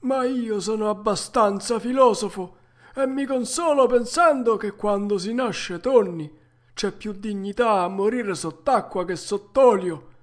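A woman's voice: mid-range voice, voice pushed up, natural voice. A woman voicing a resigned, philosophical old male tuna with a harsh, cracked voice, reading a storybook aloud. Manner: slow, grave and sententious.

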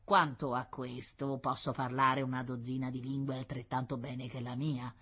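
A woman voicing a mysterious, fretful little old man in a storybook reading, slow and murmuring. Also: extremely low pitch, level tone, a bit bright, slightly rough, exaggerated voice. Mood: wry. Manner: slow, murmuring, self-pitying.

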